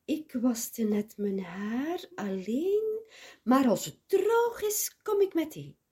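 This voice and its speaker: A cheeky young heroine who chirps in a very high, sing-song voice, as a woman narrator puts her on. She sounds sure of herself and gushing, her voice breathy and husky, her pitch swooping widely. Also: sing-song, slow pace, a little mellow, heavily acted.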